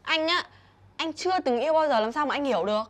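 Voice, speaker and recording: A woman's voice: high voice, animated, fast. A young woman, acting as a pert younger sister who talks back to her brother in a comedy short film. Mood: annoyed. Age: young adult.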